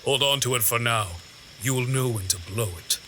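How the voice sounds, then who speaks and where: Speaking at a normal speed in a medium pitch, the man sounds bright and forceful yet close to his everyday voice, with slight background noise. He portrays a stern, watchful lord in a fantasy audio drama, guiding a companion with composed, formal, commanding, archaic phrasing.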